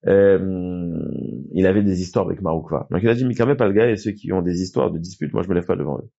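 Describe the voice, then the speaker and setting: A man's voice: low-pitched, fairly quick, gravelly, dark tone. A man teaching a Talmud class who reads short phrases aloud and then explains them, with frequent restarts. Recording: dull lo-fi recording.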